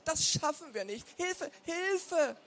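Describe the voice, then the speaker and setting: A man voicing an elderly neighbour woman in a storybook reading, with a raised falsetto voice. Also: lively intonation, unhurried. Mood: panicked.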